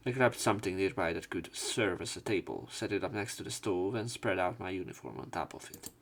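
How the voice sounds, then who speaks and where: A let's player narrates a visual novel dramatically, giving expressive performances of its dialogue. The man's voice is low and gravelly, animated and fairly quick.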